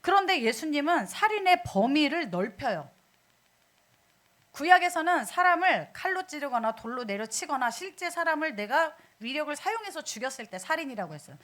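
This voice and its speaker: A woman's voice: sits high, moderate pace. A woman preaching a sermon in a church, asking the congregation questions as she goes. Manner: animated, asks the congregation questions.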